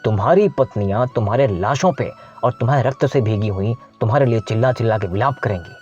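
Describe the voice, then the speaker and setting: A man's voice: medium pitch, animated, fast talker, a little mellow, highs cut off, faint music behind, natural voice. A wronged queen's solemn curse, told by a man. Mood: bitter. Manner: solemn, bitter cursing. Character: wronged noble queen, adult woman, grieving and cursing.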